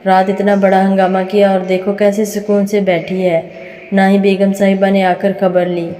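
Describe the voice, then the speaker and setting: A woman's voice: medium pitch, completely flat delivery, normal speed, dark tone, natural voice. A woman reading as a spiteful, jealous young girl. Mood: resentful. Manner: gossipy, whispering complaints. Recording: reverberant room.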